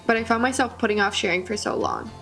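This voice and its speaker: A woman tells a personal story in a vlog, wry and expressive, dropping comic asides as she goes. Her pitch sits in an ordinary middle range. Faint music plays softly under her voice. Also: fast, gravelly. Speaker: vlogger. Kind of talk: storytelling narration.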